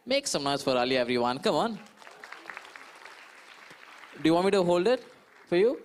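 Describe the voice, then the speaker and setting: A man with an Indian accent working as an energetic event host, coaxing a live audience. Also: high-pitched, normal speed, a faint crowd, slight background noise. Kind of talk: live crowd hyping. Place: conference stage with audience.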